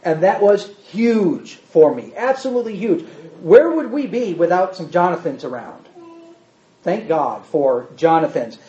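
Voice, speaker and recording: In a high voice and a little slow, a man runs a conversational Bible class, animatedly acting out quotes and questioning the room. The sound is a roomy, dull lo-fi room recording.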